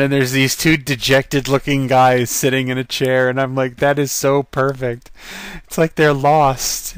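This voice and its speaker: A chatty man talks his way through a slideshow of his trip photos, rambling along with plenty of ums and little laughs. His voice is smooth and clear, set at an ordinary pitch for a man. The recording is close and dry, with no room sound around it. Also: a bit bright, no room sound. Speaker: vlogger narrating his convention photos. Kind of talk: casual photo slideshow narration.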